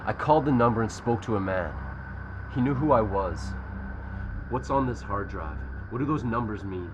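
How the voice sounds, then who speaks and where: A man's voice: on the low side, animated, moderate pace, natural voice. An actor playing a confused, insistent man in a short film, explaining himself earnestly and urgently. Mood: earnest, uneasy, then insistent, demanding. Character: confused, insistent young man demanding answers. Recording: echoey room with faint background noise.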